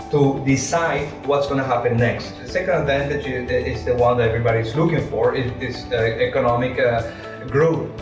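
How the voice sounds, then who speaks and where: A man, an English speaker, answering interview questions as an entrepreneur in a halting, repetitive, explanatory way. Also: medium pitch. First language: not English. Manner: halting, repeats words, explains with rhetorical questions. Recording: echoey room, distant mic, music.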